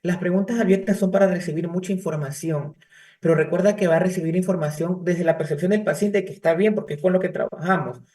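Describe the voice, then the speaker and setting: A man's voice: sits high, steady tone, quick pace, mellow. A man teaching a psychology class, explaining in a conversational lecture style and illustrating with stories from his cases. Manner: conversational, tells case anecdotes with restarts. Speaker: psychology professor. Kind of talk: university lecture. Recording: distant mic.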